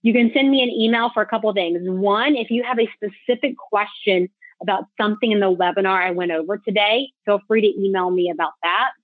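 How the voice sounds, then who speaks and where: A female financial advisor hosts an informal webinar, speaking conversationally and directly to her audience in a medium-pitched voice. There's no echo, but the line sounds thin and tinny, like a phone.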